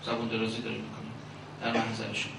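A man, a seminary cleric, preaches a sermon at a religious gathering. He builds long rhetorical lists with pauses and recites verse and Arabic phrases. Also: lowish voice, monotone, vocal fry, background noise. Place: religious gathering in a large echoing hall. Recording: very echoey hall recording from a distance.

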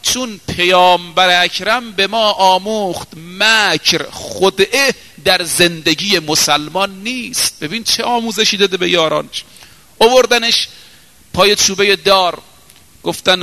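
With a voice that sits high and echoes as in a big room, a man preaches a dramatic story. He shifts from loud outbursts to hushed, unhurried passages.

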